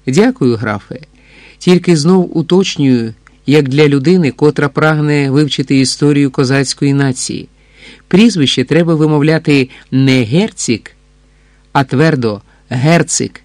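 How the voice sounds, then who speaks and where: A man's voice: on the high side, darkish tone, no room sound, close to an everyday voice. A man reading as a proud, guarded Cossack chevalier. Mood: earnest. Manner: formal, measured. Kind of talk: audiobook dialogue reading.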